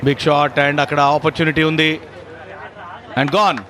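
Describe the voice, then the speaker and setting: An excited man commentating on cricket in a high voice with a South Indian Telugu accent. He moves between short exclamatory calls and analysis over loud outdoor noise. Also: unhurried. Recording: noisy outdoor ground ambience behind commentary.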